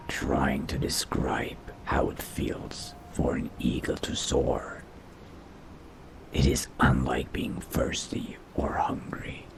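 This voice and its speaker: In a video game roleplay, a man gives a full character voice to a brooding, hungry vampire mage. He muses to himself in a low, gravelly whisper that is slow and halting.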